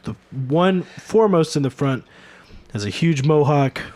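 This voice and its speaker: A young adult man narrating a tabletop game as game master, halting and correcting himself. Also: fairly high pitch, expressive, darkish tone.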